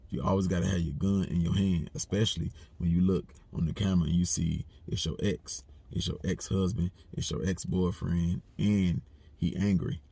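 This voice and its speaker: A man's voice: low-pitched, gravelly, warm tone, breathy edge, no room sound. A man giving a blunt, repetitive, streetwise commentary monologue. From United States. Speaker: commentary channel host.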